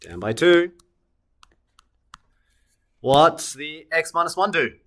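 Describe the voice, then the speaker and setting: A man's voice: fairly high pitch, expressive, slow, a bit bright. A man teaching a recorded maths lesson, asking questions and answering them himself, correcting his sketches as he goes. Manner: talks students through steps, asks and answers own questions; self-correcting while sketching on screen.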